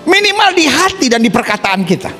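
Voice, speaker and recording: Pendeta pria, khotbah penuh gaya, suara tinggi dan naik-turun, musik samar di latar. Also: male voice, very high voice, fairly quick, soft background music. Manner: animated, acts out scenes with put-on voices, asks the congregation questions. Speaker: pastor. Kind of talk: lively sermon.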